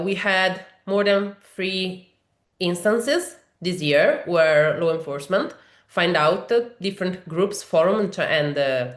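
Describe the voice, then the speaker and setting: Explaining a software demo step by step in a webinar, a woman trainer from Italy speaks with the accent of a native Italian, often using fillers and restarting sentences. Her pitch is fairly low and the room echoes.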